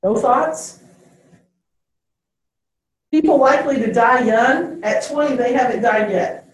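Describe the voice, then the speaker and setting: Speaking slowly in a rather high voice, this woman teacher delivers a classroom lecture and tacks "okay?" onto her phrases after every point. The mic sits far away, and the room is very echoey.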